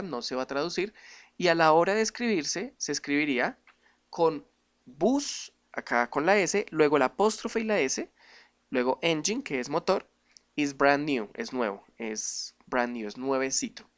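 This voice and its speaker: A man teaches an online English grammar lesson. He explains things patiently and keeps putting questions to his viewers. Each English example sentence comes out slow and carefully modeled. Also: a little high, a bit bright.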